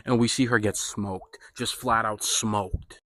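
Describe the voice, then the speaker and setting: A man talks through a film review in a relaxed, profane way, leaning on slang and filler words. His voice is bright and forceful, and the recording is close and dry, with no room sound. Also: fairly low pitch, unhurried, dry recording. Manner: loose and profane, heavy on "like" and slang. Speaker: movie reviewer. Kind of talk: casual spoken film review.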